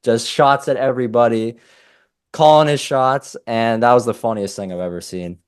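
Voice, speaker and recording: A young man co-hosting a casual fight-analysis podcast, opinionated and animated, often breaking off mid-sentence. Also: medium pitch, normal speed, smooth, dry recording, studio quality. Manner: animated, opinionated, self-interrupting. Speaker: MMA podcast co-host.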